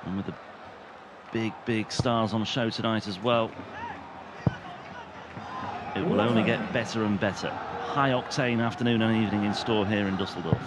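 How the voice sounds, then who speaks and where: A man giving live darts commentary as lead commentator, in measured, descriptive phrases. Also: lowish voice, fairly even intonation. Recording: loud crowd and venue noise. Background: noisy darts crowd.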